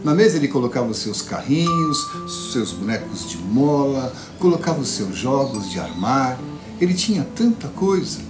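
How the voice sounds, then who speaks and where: Guy telling a fairy tale to kids, voice jumps all over, echoey room, guitar behind. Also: mid-range voice. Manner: lively, playful, dramatic pauses. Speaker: storyteller. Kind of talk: children's storytelling performance.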